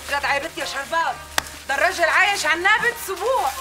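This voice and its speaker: An actress playing a bustling, deferential village housewife with an Upper Egyptian accent in a television drama. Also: female voice, very high voice, expressive, racing. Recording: music behind the voice. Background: music.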